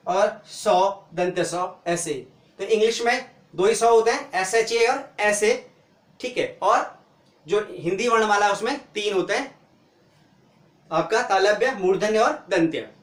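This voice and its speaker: A man teaching the alphabet, spelling out each letter slowly and answering his own questions as he explains. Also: high voice, echoey room. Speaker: language teacher. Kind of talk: explaining lesson.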